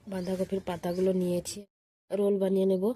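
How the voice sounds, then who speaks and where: A woman with a voice hoarse from a cold, calmly narrating each cooking step in her home kitchen and repeating each one. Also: medium pitch, fast talker, no room sound. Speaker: cooking channel host. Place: home kitchen with stove sizzling.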